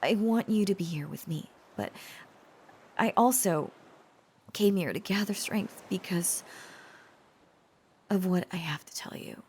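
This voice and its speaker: A woman voices a gentle, protective dragon-blooded young girlfriend in a softly acted, intimate romantic roleplay. Her lowish, breathy voice, often a whisper, moves at a measured pace with frequent pauses, sounding nervous and hesitant over slight background noise.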